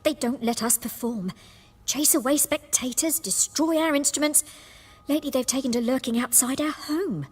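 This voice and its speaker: A woman's voice: high voice, moderate pace, husky, long reverb tail. A woman playing a wary, harassed young street performer in a video game, speaking in a plaintive, guarded way. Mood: despairing. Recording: music behind.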